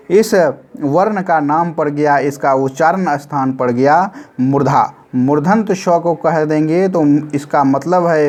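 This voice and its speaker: Man teaching, slow repeated chanting. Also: a little high, a little mellow. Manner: chants memory formulas slowly, repeating them. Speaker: grammar teacher. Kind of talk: classroom-style recorded lesson.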